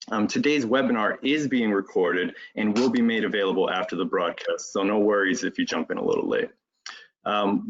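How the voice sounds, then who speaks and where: Man, lowish voice, scripted webinar intro, reads from notes, dull lo-fi audio. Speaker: webinar organizer introducing the panel.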